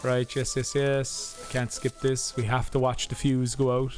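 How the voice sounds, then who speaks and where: A man's voice: medium pitch, completely flat delivery, moderate pace, over music. A young man casually commenting as he plays a video game, chatty and rambling, often correcting himself mid-sentence. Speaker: let's play host.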